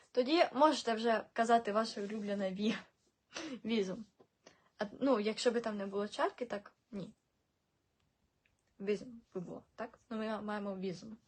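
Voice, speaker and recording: A woman with a slightly high, husky voice walks through a language lesson in a casual video. She explains patiently, repeats each example word and keeps checking in with the listener. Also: darkish tone. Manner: explains patiently, repeats words, asks "так?" often. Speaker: Czech language teacher.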